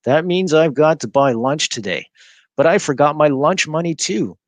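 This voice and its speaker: A man voicing a huge schoolboy bully, speaking slowly, loudly and threateningly in a storybook reading. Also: a little high, expressive, no echo, voice pushed up, natural voice. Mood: menacing.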